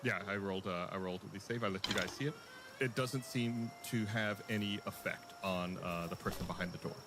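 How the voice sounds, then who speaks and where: A man's voice: lowish voice, a little fast, noisy background. A man narrating a tabletop role-play game as game master, in a casual improvised way. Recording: music behind the voice.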